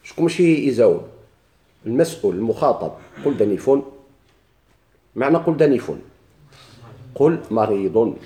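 A man's voice: mid-range voice, big pitch swings, moderate pace, long pauses, mellow. A man with a Moroccan Arabic accent teaching a grammar lesson to a class, putting questions to the students and answering them himself. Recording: echoey room.

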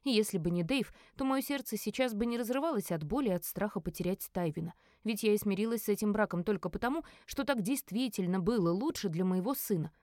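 A woman narrating a first-person fantasy novel as an audiobook, with an expressive, emotional delivery. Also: mid-range voice, fast, few pauses, no echo, clean studio sound.

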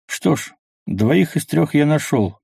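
A man voicing a weary, calm male survivor who speaks slowly and quietly. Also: fairly high pitch, vocal fry, slightly rough, dry recording, studio quality, pitched above the performer's own voice, heavily acted. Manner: slow, subdued.

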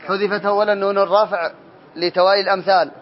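A man's voice: sits high, flat delivery, fast. A man teaching a classroom grammar lesson, drilling students, calling on them by name and correcting their answers. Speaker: teacher of Arabic morphology. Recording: dull lo-fi classroom recording.

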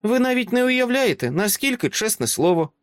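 A man doing a calm little British girl. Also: high voice, brisk, dry recording, voice pushed up. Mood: calm earnest. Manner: calm, composed and earnest. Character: serious seven-year-old girl, calm and precise.

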